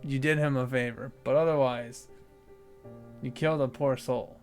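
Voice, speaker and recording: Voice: medium pitch, fairly even intonation, normal speed, faint music behind. A game master narrating and bantering over a tabletop game in a playful, theatrical way.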